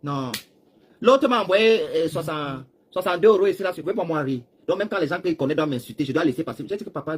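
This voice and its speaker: A Cameroonian man rambling through a live stream, talking straight to his viewers and swinging between loud bursts and hushed asides while seated. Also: fairly high pitch, breathy edge. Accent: Cameroonian French. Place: seated, chair.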